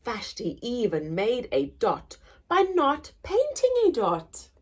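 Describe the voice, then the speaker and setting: A woman hosting a children's story time, reading aloud in an expressive, deliberate, sing-song way for small children. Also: a little high, slightly rough. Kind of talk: animated read-aloud for young children.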